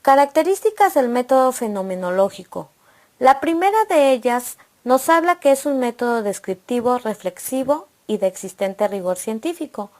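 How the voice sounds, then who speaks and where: A woman narrating a scripted educational lesson, reading points aloud in a steady, listing manner. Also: a little high, normal speed. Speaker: presenter of an educational video.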